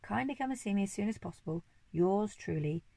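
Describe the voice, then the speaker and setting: A woman's voice: mid-range voice, animated, fairly quick, gravelly, mellow, no echo. A woman voicing a stiff, formal male chauffeur in a storybook reading, solemn and proper. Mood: reading formally.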